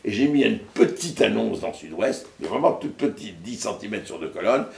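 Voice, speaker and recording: An older man from Lebanon, a journalist guest, telling anecdotes in a lively way and acting out the people he quotes. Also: lowish voice, normal speed, vocal fry. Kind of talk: anecdotal storytelling interview. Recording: roomy echo.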